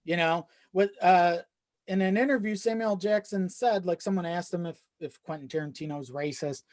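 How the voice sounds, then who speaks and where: An audio drama creator appears as a podcast guest, chatting casually and reflectively while thinking aloud. His voice sits high, a little mellow, and fairly quick.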